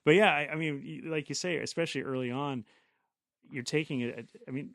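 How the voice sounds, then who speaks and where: A man's voice: a little high, brisk, vocal fry, fairly bright tone, no room sound, clean studio sound. A man co-hosting a podcast, chatting casually about films, opinionated and speaking straight to listeners. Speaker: podcast co-host.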